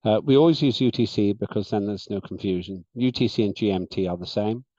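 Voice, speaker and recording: Man, session chair, measured and deliberate delivery, lowish mellow voice, dull video-call sound. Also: no echo. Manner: measured, deliberate, with frequent "uh" fillers. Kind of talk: chairing an online meeting.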